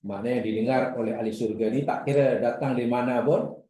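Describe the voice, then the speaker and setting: A man giving a religious class lecture, animated and acting out his examples. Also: medium pitch, fast, a little hiss or hum. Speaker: religious teacher. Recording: echoey room.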